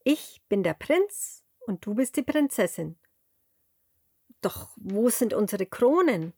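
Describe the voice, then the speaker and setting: A woman voicing an excited, cheerful little piglet in a children's story, with a high, squeaky, bouncy voice. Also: takes it slowly, slightly rough, no echo, studio quality, heavily acted. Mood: curious.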